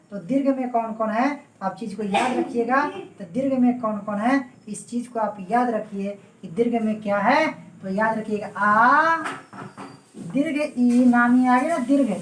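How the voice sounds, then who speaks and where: In this exam-prep Hindi grammar lecture, a woman's slightly high, darkish voice comes from away from the mic amid roomy echo and slight background noise. She goes over points repeatedly and keeps making sure her students understand. She speaks to them affectionately.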